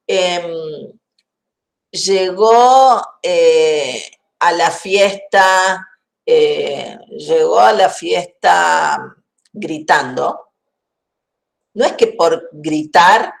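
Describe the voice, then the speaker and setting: Low, slow-spoken woman lecturing. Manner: methodical, explains through worked examples; checks understanding with questions. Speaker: grammar lecturer. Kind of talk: university lecture.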